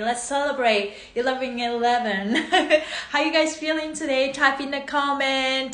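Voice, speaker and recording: Filmed on her phone in the living room, a Japanese-born movement coach in her thirties, whose native language is Japanese, leads a live-streamed class. She laughs frequently and greets people in a bubbly, sing-song manner, her voice a little high and a bit bright. The phone starts close and later records from across the echoey room, with faint noise.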